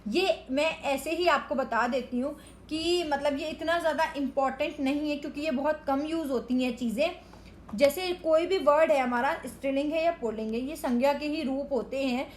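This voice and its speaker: Lady teacher with a high voice going through grammar rules slow and patient, bit of faint hiss behind. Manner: slow, careful word-by-word explaining, mixing in English words. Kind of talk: online grammar lesson for children.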